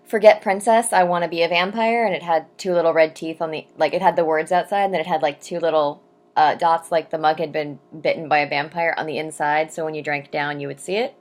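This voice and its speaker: A young adult woman with a deep, steady voice chats casually to camera in a vlog, answering viewer questions. She rambles with frequent ums and asides, and reads poetry slowly and deliberately.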